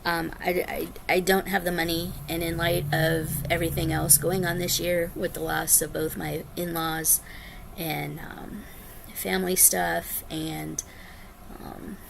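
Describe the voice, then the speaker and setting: A woman in her forties talks casually to her vlog audience in a low, heavily gravelly voice, meandering with frequent ums and a tired air. A faint hiss of noise sits under the recording. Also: fairly bright tone. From United States. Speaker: flosstube vlogger. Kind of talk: casual chat to camera.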